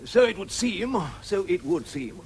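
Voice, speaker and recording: A man's voice: sits high, sing-song, measured pace, a little mellow, slight background noise. A man playing a pompous, officious police sergeant.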